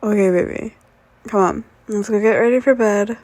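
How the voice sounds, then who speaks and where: A young woman in a whispered role-play, talking softly and sleepily as a loving fiancée. Her voice sits at an ordinary middle pitch and rambles along with loose, casual fillers. It is close to the mic and dry, with no room sound at all. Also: normal speed, no echo. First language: grew up speaking English and Spanish. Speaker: ASMR performer playing a fiancée.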